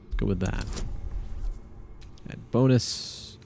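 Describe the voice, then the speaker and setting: A man's voice: lowish voice, takes it slowly, creaky, darkish tone, a little hiss or hum. Mumbling man streaming a game. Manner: muttering, self-encouraging. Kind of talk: casual gameplay commentary.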